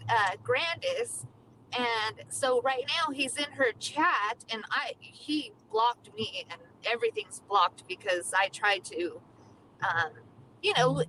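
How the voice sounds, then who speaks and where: A woman's voice: high-pitched, pushed and bright, slight background noise, low-quality recording. A woman talking from her car while she drives, upset and venting in a casual chat as a guest on a live stream. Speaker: livestream guest. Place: inside a moving car.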